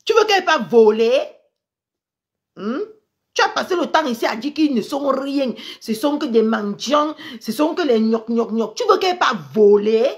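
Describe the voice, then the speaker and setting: A woman ranting on a live social media stream, upset and angry, repeating herself and swinging between loud outbursts and low mutters. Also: lively intonation, normal speed. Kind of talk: indignant Facebook live rant.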